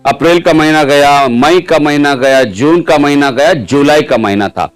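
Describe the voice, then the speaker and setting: Male preacher with a somewhat high voice, lively testimony storyteller who keeps quizzing the audience, faint music behind. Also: normal speed. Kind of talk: sermon testimony.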